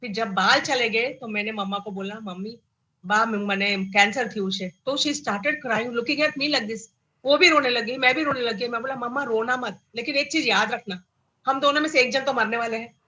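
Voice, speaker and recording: Bright-voiced middle-aged Indian woman storyteller. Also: a little high, normal speed, rough recording. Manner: animated, acts out quoted dialogue, mixes in English phrases. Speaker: cancer survivor guest. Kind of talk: personal storytelling.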